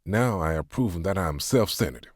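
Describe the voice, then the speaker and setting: A man's voice: low voice, lively intonation, a little fast, breathy edge, dry recording, studio quality, voice pushed up. A man voicing a grieving, defiant middle-aged man who speaks with bitter, half-hearted sarcasm.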